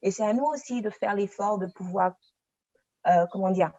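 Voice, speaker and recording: A woman's voice: mid-range voice, normal speed, dark tone, no echo, dull audio. A woman panelist speaking in a discussion, sometimes searching for her words. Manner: French mixed with an odd English word, searching for words.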